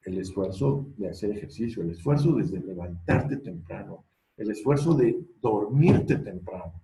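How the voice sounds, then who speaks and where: Man, gravelly and warm. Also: fairly low pitch, moderate pace, echoey room, a little hiss or hum, poor audio. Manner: earnest, coaching, quotes people in lively voices. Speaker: speaker on personal growth. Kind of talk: motivational talk.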